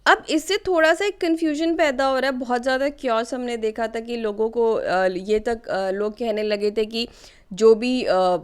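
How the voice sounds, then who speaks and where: Woman, exam-prep lesson, conversational with fillers, clear resonant voice. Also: a little high, normal speed. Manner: conversational, many fillers and "ठीक है" check-ins. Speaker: current affairs teacher. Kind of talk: exam-prep lesson explaining news questions.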